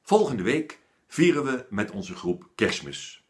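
Kindly bearded schoolteacher read by a man, unhurried, sing-song. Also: medium pitch, pitched above the performer's own voice. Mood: friendly. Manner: lively, friendly teacherly voice that turns stern. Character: kind, patient male schoolteacher with a little beard.

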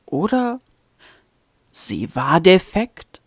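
A woman narrating a fan-made audiobook in a deliberate tone with dramatic rises. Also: lowish voice, very animated, husky, no echo, studio quality. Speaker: audiobook reader.

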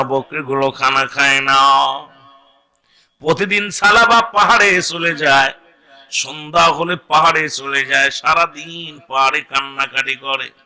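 A man delivers a sermon in a chanting, melodic cadence, swinging between sung lines and impassioned cries. His voice sits high, and its tone is piercingly bright and sharp. He draws out phrases in a lamenting style. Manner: sing-song melodic preaching, swinging into loud wailing cries. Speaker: preacher.

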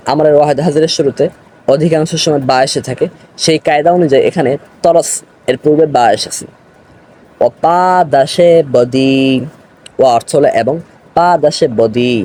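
Slow teaching man, warm mellow voice. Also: a little high. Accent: Bangladeshi Bengali. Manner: slow, explains and repeats words. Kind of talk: grammar lesson.

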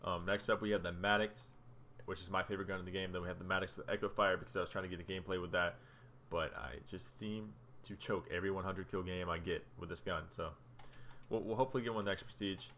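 A man's voice: low voice, fairly even intonation, fast talker, a bit bright, slight background noise. A young man casually talking through his game stats as a gaming video creator, chatty and loose while scrolling through menus. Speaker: gaming YouTuber. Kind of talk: casual gameplay commentary.

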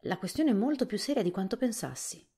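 A woman reading a storybook softly, voicing a thoughtful, worried male scarecrow king. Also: medium pitch, animated, fast talker, breathy edge, voice pushed up.

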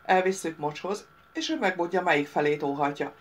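A woman voicing a vain, sly male mercenary leader who shouts his boasts in an audiobook. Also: lowish voice, close to an everyday voice.

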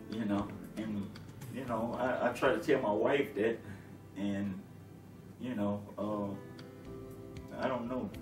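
A middle-aged man, a long-haul truck driver, talking easygoingly in an interview with lots of fillers and restarts. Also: mid-range voice. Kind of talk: relaxed conversational interview. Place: living room, seated on a sofa. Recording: roomy, distant, with music underneath.

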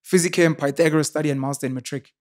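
A man's voice: a little high, fairly even intonation, racing. A man in his thirties with a South African accent, telling stories confidently as a guest in a casual studio interview, speaking into a podcast mic. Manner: confident, expansive storytelling. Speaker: podcaster and YouTuber. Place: studio with sofas, indoors. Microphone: boom-arm podcast mic.

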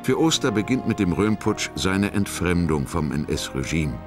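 A man with a deep voice narrates a historical documentary. He speaks in measured, scripted statements over clearly audible music. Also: sing-song. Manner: short, measured declarative phrases.

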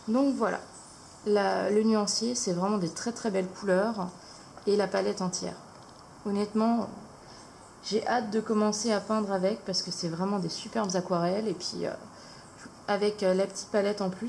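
Woman, craft vlog host, casual and halting, gravelly edge, faint hiss behind. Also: medium pitch, a little mellow, low-quality recording. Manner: hesitant, many fillers. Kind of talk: casual haul video.

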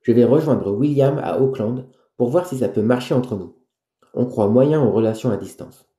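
A man's voice: medium pitch, moderate pace, warm tone, close to an everyday voice. A man voicing an embarrassed young woman breaking news to her friend. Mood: hesitant. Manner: hesitant, embarrassed. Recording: roomy echo.

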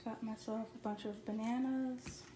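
A woman talks through her grocery haul in a relaxed, matter-of-fact way. Her pitch barely moves. The room rings with echo, and noise sits clearly behind her. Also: moderate pace. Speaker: vlogger. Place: home kitchen.

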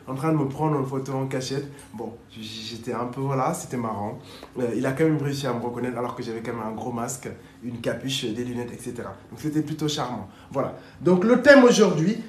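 A man hosting a casual livestream as a dating coach, chatting upbeat and urging viewers to share. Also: a little high. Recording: echoey room.

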